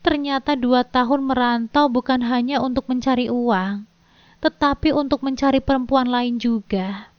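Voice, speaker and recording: A woman narrating a first-person story in a steady, emotional way. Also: high voice, moderate pace, no echo. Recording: dull dry lo-fi recording.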